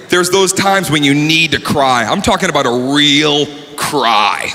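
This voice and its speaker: A man performing an animated stand-up routine and shouting his punchlines on stage. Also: high-pitched, big-room sound, slight background noise. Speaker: stand-up comedian.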